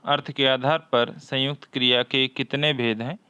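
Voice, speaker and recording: A man teaching a Hindi exam-prep lesson, reading each question aloud, often twice, and explaining the answer deliberately. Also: medium pitch, fairly even intonation, bright, forceful tone, smooth, lo-fi sound.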